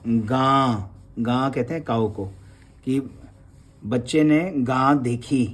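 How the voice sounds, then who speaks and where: A man's voice: medium pitch, a little mellow. A man teaching Gurmukhi script. He explains patiently and draws out each letter sound, addressing the class respectfully. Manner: slow, patient, drawn-out letter sounds, calls listeners sangat ji. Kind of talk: slow classroom explanation with prayer.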